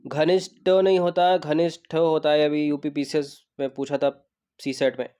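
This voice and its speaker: A man teaching an exam prep lesson on Hindi spelling, going through test questions one by one and repeating each right word slowly for his students. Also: on the high side, mellow, clear, resonant tone. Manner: checks in with students and asks them questions.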